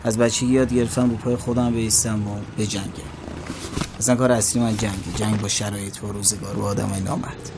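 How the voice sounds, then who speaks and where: A man's voice: on the low side, flat delivery, background noise, close to an everyday voice. A man in his twenties playing a film's lead, narrating in voice-over as a young man struggling to keep his anger in check. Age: 20s. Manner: tense and clipped, grows agitated.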